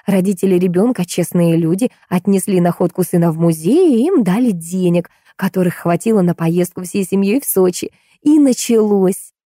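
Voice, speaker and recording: A woman narrates a first-person novel, lively and wry, with playful lifts in her telling. Her voice is mellow and relaxed, and the recording is close and dry with no room sound. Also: fairly low pitch, brisk, few pauses, no room sound. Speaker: audiobook narrator.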